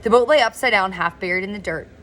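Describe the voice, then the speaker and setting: A woman reading a novel aloud in a relaxed, informal way, now and then stumbling over words and correcting herself. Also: medium pitch, fast talker, slight background noise. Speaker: reader of a novel. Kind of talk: informal read-aloud narration.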